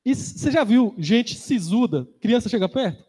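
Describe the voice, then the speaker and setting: A man with a Brazilian Portuguese accent speaking in a Bible class, relaxed and conversational, sharing personal experience. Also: very high-pitched, normal speed, slightly rough. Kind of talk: casual Bible class talk. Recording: reverberant hall.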